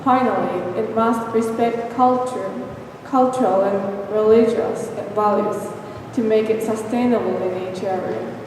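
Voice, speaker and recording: A woman's voice: on the high side, steady tone, unhurried. A young woman sets out her team's points in an orderly, one-by-one way. She is heard from a distance in a large, strongly reverberant hall with faint noise around her. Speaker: student presenter. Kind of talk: school team presentation. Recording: echoey hall, voice from far off.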